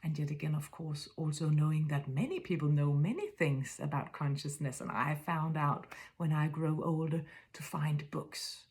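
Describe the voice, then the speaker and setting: Here a woman in her fifties from Denmark speaks in a low voice with a Danish accent. Her spiritual reflection is soft, frequently whispered, and halting as she works to find the words.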